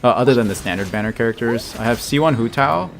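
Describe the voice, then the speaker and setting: An American man in his thirties streams a game, chatting casually with his viewers and laughing often as he answers them. His medium-pitched voice is fast, creaky and lively in intonation, with a little hiss or hum underneath.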